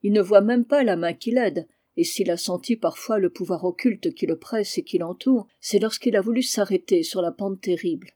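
Sly little lawyer guy telling ghost stuff, mellow low-key tone, reader doing him. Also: normal speed, few pauses, natural voice. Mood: insinuating. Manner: emphatic, vague, teasing storyteller. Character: small, eloquent male lawyer telling ghost lore.

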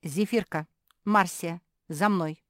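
A woman's voice: lowish voice, a little slow, no room sound, clean studio sound, lightly acted. Storybook: a pompous, commanding pug sister, read by a woman. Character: bossy eldest-in-charge pug sister.

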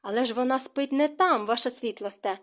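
A woman's voice: fairly high pitch, a little fast, close to an everyday voice. A woman voicing a frightened young housemaid in an audiobook, timid and hesitant. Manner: timid, stammering.

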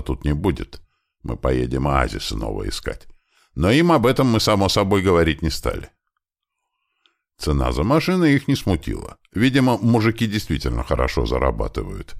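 A man reading a first-person adventure audiobook in a relaxed, conversational storytelling manner. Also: rumbling low, vocal fry. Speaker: audiobook narrator.

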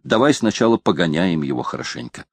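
A man's voice: low-pitched, sing-song, fairly quick, creaky, slightly rough, no echo, full character voice. A man voicing a teasing, amused rogue. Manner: teasing and mock-stern. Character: mocking, amused male companion.

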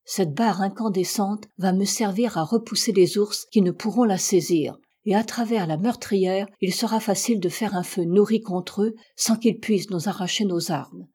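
A woman voicing a stern, resolute male ship captain, calm and commanding, in a read-aloud novel. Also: medium pitch, moderate pace, hardly any pauses, slightly rough, lightly acted.

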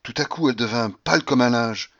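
A man narrating a classic novel as an audiobook, in a measured, expressive reading. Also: mid-range voice, highs cut off. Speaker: audiobook reader.

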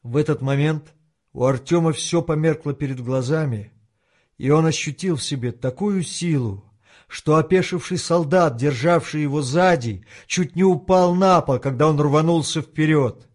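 Man, audiobook narrator, somewhat high voice, steady dramatic reading. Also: moderate pace. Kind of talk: scripted narration.

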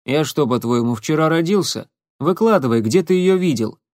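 A man's voice: fairly high pitch, animated, normal speed, a little mellow, no room sound, voice pushed up, lightly acted. Sly male interrogator, mocking and persistent, as a narrator puts him on; dry close sound. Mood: mocking pressure. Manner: sarcastic, pressing questions.

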